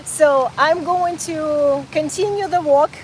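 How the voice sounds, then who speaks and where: A woman in her forties, born in Ukraine and raised in North Carolina, live-streams a walking travel chat as a vlogger through a city park and square. Her high-pitched voice is slow and enthusiastic, and she chats to her audience, repeating words and doubling back often. Her phone catches a faint traffic hum, and the recording is rough.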